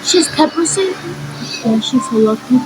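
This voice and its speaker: A woman's voice: sits high, expressive, moderate pace, over loud music, low-quality recording. A woman giving casual reaction commentary in an exclaiming, repetitive, slangy way. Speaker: reaction video creator.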